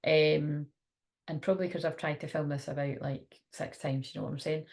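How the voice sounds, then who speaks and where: A woman's voice: low-pitched, steady tone, normal speed, vocal fry, darkish tone. A woman chatting casually to camera as a spiritual teacher, in a rambling, informal way.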